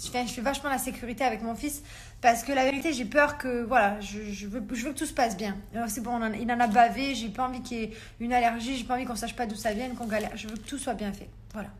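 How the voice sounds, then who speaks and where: A woman's voice: a little high, fairly bright tone. A young mother chatting casually to her followers in a phone story, rambling with lots of fillers.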